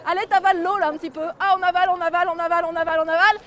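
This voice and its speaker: High-voiced woman telling a tale outdoors. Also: rapid-fire, some chatter behind. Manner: lively, gets the audience to join in. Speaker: storyteller. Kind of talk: telling a folk tale to children.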